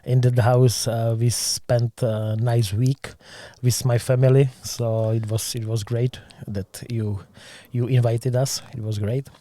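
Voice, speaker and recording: Mellow-voiced Czech man hosting. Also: medium pitch, flat delivery. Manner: halting non-native English, many uh fillers. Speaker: podcast host. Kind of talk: casual interview.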